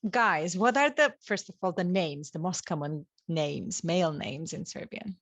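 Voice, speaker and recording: A woman co-hosting a podcast in casual chat, asking questions and chiming in with quick agreement. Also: fairly low pitch, a bit bright, no echo, lo-fi sound. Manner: asks questions, quick agreeing backchannels and laughs. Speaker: podcast co-host.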